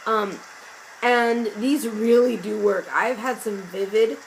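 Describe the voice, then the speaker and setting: A woman vlogger, hoarse and losing her voice, musing in a chatty, meandering, self-mocking way. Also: a little high, fairly even intonation, slow, slight background noise, poor audio. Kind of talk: casual musing vlog. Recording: loud rain and thunder sounds from an app behind the voice. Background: rain and thunder ambience sounds.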